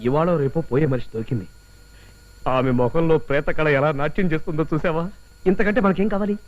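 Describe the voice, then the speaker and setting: An actor playing an older, scheming groom who pushes briskly to marry a dying bride. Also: male voice, fairly high pitch, close to an everyday voice. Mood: pushy. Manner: brisk and pushy. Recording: slightly dull film audio.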